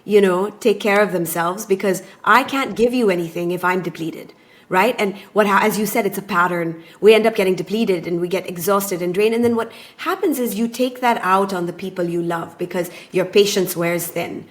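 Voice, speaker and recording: Measured woman relationship coach. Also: mid-range voice. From born in Taiwan, raised in Japan. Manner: thoughtful, measured storytelling. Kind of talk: conversational podcast interview.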